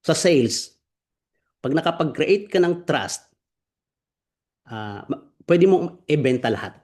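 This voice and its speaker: Animated man leading an online training. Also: fairly high pitch, slow. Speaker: online business mentor. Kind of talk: live online training session.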